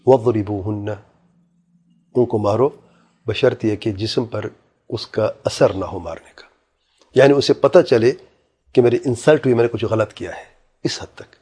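Male cleric, husky dark voice, emphatic lecture with recited verses. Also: medium pitch. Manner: emphatic, quotes Quranic Arabic, rhetorical questions. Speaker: Islamic scholar answering a question. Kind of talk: religious lecture.

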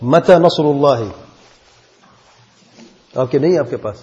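Man, religious teacher, encouraging, mellow tone, dull audio, reverberant hall. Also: on the high side, a little hiss or hum. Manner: encouraging, explanatory. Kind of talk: classroom teaching.

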